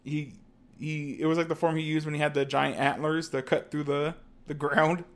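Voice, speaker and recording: A young man co-hosting a podcast in casual chat, often pausing to search for words. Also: on the high side, level tone. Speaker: podcast co-host. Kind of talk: casual chat about an anime.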